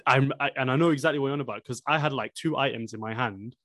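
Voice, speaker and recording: A man's voice: mid-range voice, fast talker, fairly bright tone, dry recording. Young guy w roadman n slang, chatting on a podcast, dry sound. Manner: roadman-style London slang. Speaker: podcast co-host. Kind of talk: casual chat.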